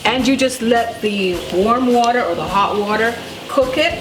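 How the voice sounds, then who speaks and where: This cooking show host, a Jamaican woman of about fifty, speaks unhurriedly in a slightly high voice, chatty and emphatic as she quizzes the listener during a casual demo. There's background noise in the echoing room, where loud music, clattering pots and stirring can be heard.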